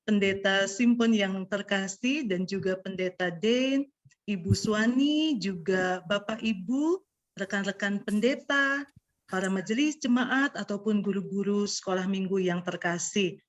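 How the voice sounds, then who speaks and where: Female guest presenter, mid pitch, weak unrolled r, interactive online talk, slightly dull lo-fi call sound. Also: a little slow. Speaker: guest speaker, pastor. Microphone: video call.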